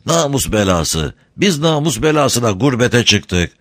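A man's voice: mid-range voice, very animated, unhurried, a bit bright, dry recording, clean studio sound, pitched above the performer's own voice. A man voicing a humble, pleading wandering Bedouin shepherd in a read-aloud story. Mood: earnest. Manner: pleading, servile, repeats he is a sacrifice.

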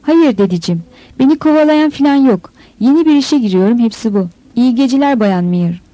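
A woman voicing a quiet, evasive young man in a spoken novel. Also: fairly high pitch, lively intonation, a little fast, dry recording, natural voice, rough recording. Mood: guarded.

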